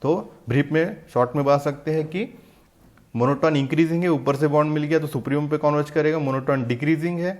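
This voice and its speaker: A man teaching a university maths lesson in Hindi mixed with English, often asking the class rhetorical questions and reading English definitions out slowly. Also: on the high side, fairly even intonation. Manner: asks the class rhetorical questions, says "theek hai" often. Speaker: math lecturer.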